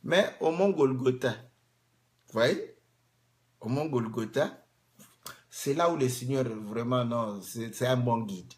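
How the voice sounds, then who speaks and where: A man preaching a sermon, rising to loud emphatic peaks, acting out cries of pain and asking the congregation rhetorical questions. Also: mid-range voice, slow pace, long pauses. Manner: acts out cries of pain to make a point; asks the audience rhetorical questions.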